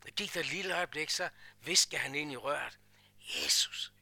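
A man preaching a sermon, emphatic, swinging from hushed asides to loud repeated declarations. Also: fairly high pitch, vocal fry, dry recording. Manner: repeats phrases in a rhythmic build.

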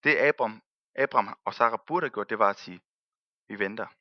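A man preaching a sermon and telling the story in a lively way, acting out the people he quotes and laughing often. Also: lowish voice, dry recording, muffled recording.

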